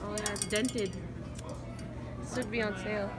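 A young woman, vlogging in casual chat, excitable and teasing, laughing often. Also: medium pitch, a little slow. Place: city tower and downtown streets, indoors and out. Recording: crowd chatter and street noise.

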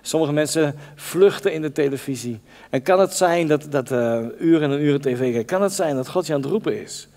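A man's voice: on the high side, brisk, darkish tone. A man preaching a conversational sermon, talking directly to the congregation and acting out the Bible voices. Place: church hall. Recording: long church reverb.

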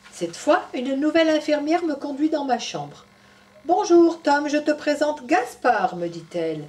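A woman teacher reads a children's story aloud in a lively, sing-song voice that rises and falls a lot. She stops now and then to explain things to the little ones. The voice is picked up from a distance. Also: a little high. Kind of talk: reading a picture book aloud to young children. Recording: voice from a distance off the mic.

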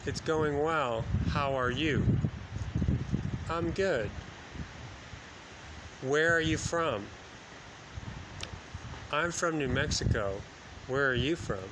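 A man in his thirties, from the United States, teaches in a very slow, deliberate way, repeating each phrase for learners. He records on a phone held at arm's length, outdoors at night. Loud wind and street noise roar around him. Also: fairly high pitch. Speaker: English teacher. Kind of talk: slow bilingual phone-video lesson.

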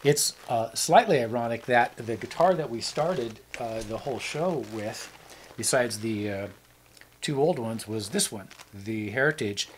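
A man's voice: medium pitch, unhurried, slight background noise, low-quality recording. A man co-hosting a casual chat show, rambling and joking as he talks. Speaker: show co-host.

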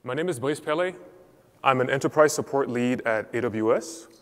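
A man from Cameroon presents a technical session on a large conference stage through a headset mic. He speaks clearly and in an orderly way at normal speed, and his medium-pitched voice carries a long reverb from the hall.

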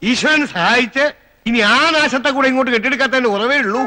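High-voiced grumbling anxious plotter man. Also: fast talker, sharp tone. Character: grumbling, anxious male plotter in a wealthy household. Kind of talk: film comedy acting.

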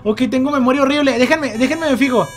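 A man with a Mexican accent commentating a video game he is playing. He is excitable, talks to the characters, and yells and groans when he fails. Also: very high-pitched, quick pace, faint music behind. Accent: Mexican Spanish. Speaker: gameplay commentator. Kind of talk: let's play commentary.

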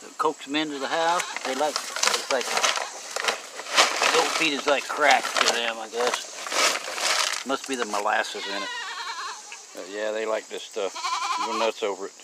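A man's voice: medium pitch, unhurried, pauses often, heavy background noise. A man, talking casually and rambling with fillers while filming his homestead outdoors on a handheld phone. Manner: relaxed, rambling, drawling talk with many fillers. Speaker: homesteading vlogger. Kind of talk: casual vlog narration. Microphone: handheld phone camera.

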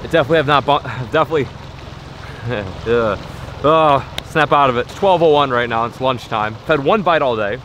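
A man's voice: medium pitch, moderate pace, fairly bright tone, slight background noise. Young man, fishing vlogger, casual and self-mocking, action camera on a boat, outdoor ambience underneath. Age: young adult. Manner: upbeat, self-mocking, thinks aloud. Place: small boat on a lake outdoors.

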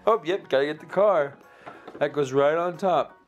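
A man's voice: fairly high pitch, moderate pace, lo-fi sound, faint music behind. An American man in his thirties talking casually and informally to a camera, in a laid-back vlog style. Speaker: vlogger. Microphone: handheld or nearby camera.

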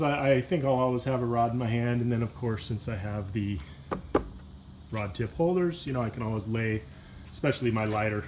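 A man filming a casual vlog outdoors beside a pickup truck, talking in a relaxed, rambling way with lots of "uh" and "you know". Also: medium pitch, slight background noise. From Washington state. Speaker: kayak fishing vlogger. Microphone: handheld phone camera, filming himself off-screen.

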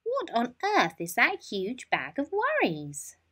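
A woman's voice: fairly high pitch, wildly swooping pitch, slow pace, a bit bright, voice pushed up, heavily acted. A woman voicing a kindly old lady neighbour in a storybook, firm, reassuring and no-nonsense. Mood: astonished.

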